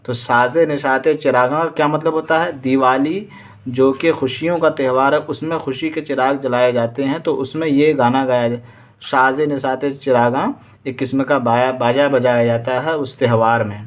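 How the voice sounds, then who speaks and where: A man's voice: mid-range voice, fairly even intonation. A man with an Indian Urdu accent teaching exam vocabulary. He reads each word with its meaning, repeats it and quizzes his students.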